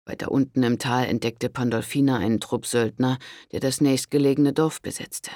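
A man reading a historical audiobook in a calm, measured way, recorded close to a studio microphone. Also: mid-range voice, no room sound. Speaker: audiobook narrator. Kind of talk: scripted historical audiobook narration.

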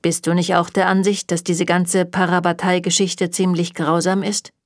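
A woman's voice: on the low side, level tone, moderate pace, no echo, lightly acted. A woman reading a German audiobook, voicing a sardonic, evasive male warlock who answers with dry mockery. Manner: dry and mocking.

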